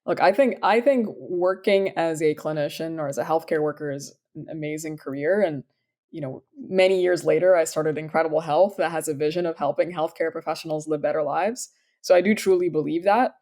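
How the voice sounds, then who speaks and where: A woman in her thirties from Sudan speaks in a low, deep register. She talks through her career in an upbeat, chatty interview style, with plenty of ums and restarts. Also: fairly quick, dark tone. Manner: upbeat, enthusiastic, frequent fillers. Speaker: startup founder, guest. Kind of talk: conversational interview answers.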